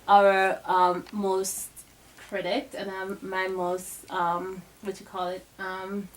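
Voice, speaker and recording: A woman's voice: mid-range voice, completely flat delivery, slow pace, rough recording. A young woman giving a casual motivational talk to a group of girls, chatty, with many fillers and restarts. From Bahamas. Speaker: guest speaker to a girls' group.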